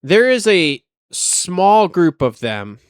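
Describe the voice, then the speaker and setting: A fairly high-voiced man whose pitch swings widely as he rants, recorded dry and close. He co-hosts a casual chat, telling stories with plenty of swearing. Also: takes it slowly, smooth, no echo. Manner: animated, profane ranting. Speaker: podcast co-host.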